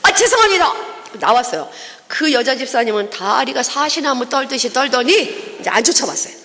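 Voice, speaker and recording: A woman evangelist giving a testimony sermon in a church, telling her story in a lively way and acting out the people in it. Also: on the high side, fairly quick. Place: church sanctuary. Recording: long reverb of a church hall.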